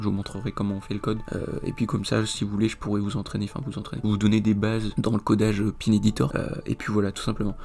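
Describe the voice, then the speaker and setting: A man explaining a trading chart in a screen-recorded tutorial, rambling with many fillers, his voice a little hoarse. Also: on the low side, darkish tone. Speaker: trading video host.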